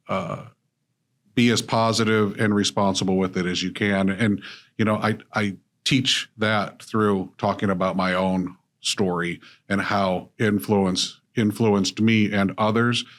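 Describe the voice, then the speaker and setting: Speaking as a guest on a podcast, a middle-aged Illinois author and business coach talks in a steady, reflective way during a conversational interview. His voice sits lowish and has a slightly bright quality.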